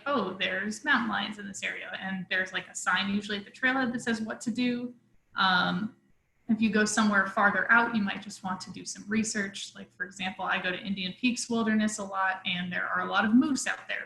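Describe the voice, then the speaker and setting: A woman's voice: medium pitch, vocal fry, pushed and bright. Chatty woman in an echoey room. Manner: chatty, hesitant, lots of fillers. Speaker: guest answering questions. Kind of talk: casual webinar Q&A.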